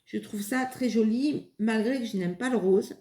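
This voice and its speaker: A woman hosts a craft video, demonstrating and testing materials in a casual, hesitant way with many fillers and restarts. Her voice is on the high side and warm, at a moderate pace, in an echoey room.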